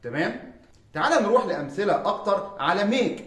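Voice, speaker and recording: Man, Egyptian Arabic accent, English teacher, chatty, upbeat, higher voice, echoey room. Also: big pitch swings, brisk, fairly bright tone. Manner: upbeat, chatty teacher who repeats "tamam?". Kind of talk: friendly explainer lesson.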